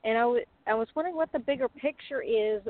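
A woman calling in to a show by phone, speaking conversationally in an earnest, searching, halting way. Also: a little high, no echo. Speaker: caller to a call-in show. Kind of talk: personal question to a spiritual adviser, conversational. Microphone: phone call. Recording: muffled, narrow phone-line sound.

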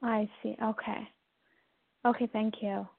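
Woman caller from Canada, heard over the phone, fairly high voice, polite and brief. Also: flat delivery, measured pace, vocal fry, phone-quality sound. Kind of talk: phone-in question to a psychic.

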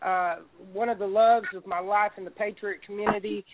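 A woman's voice: mid-range voice, steady tone, normal speed, dry recording. Blunt woman hosting over tinny audio. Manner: blunt, profane, emphatic. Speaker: talk show host. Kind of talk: call-in talk show hosting.

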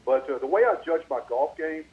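Calling in over an echoey, dull, lo-fi phone line, a man hosting a sports talk radio show tells a rambling story packed with fillers, his mic carrying an echo. His voice is fairly high, with lively intonation and a brisk pace.

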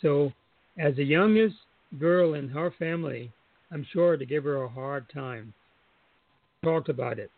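A man calling in to share a personal testimony, reflective, chuckling now and then as he recalls, his voice going hoarse. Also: on the high side, measured pace, no echo. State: losing his voice. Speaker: caller. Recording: dry tinny phone line.

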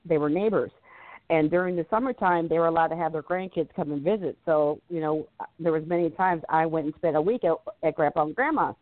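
Lady radio host, low-ish voice, casual spiritual chat, phone-line tinny sound. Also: fairly quick, no room sound. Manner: chatty, laughs often, affectionate asides.

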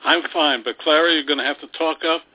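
Man, radio host, halting speech, filler words, tinny phone-like sound. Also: fairly high pitch, fairly even intonation, husky. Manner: halting, with many ums and restarts. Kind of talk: radio interview. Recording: phone-like band.

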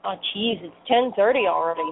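A woman around thirty, co-hosting a casual chat in a relaxed way and laughing easily. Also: mid-range voice, brisk, husky. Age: 30s. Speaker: podcast co-host. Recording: tinny phone-like line.

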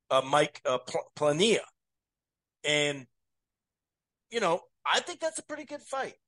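A man's voice: a little high, fairly bright tone, no room sound. Rambling man talking boxing odds. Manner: rambling, self-correcting, many fillers. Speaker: boxing podcast host. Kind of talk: casual betting and fight preview chat.

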